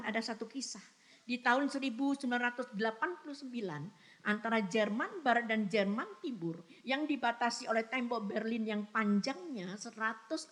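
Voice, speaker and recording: A woman's voice: on the high side, fairly bright tone. Woman pastor preaching with emphatic repetition. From Indonesia. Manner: emphatic preaching, repeatedly addressing the congregation as "saudara"; rhetorical questions to the audience. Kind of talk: sermon. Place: church.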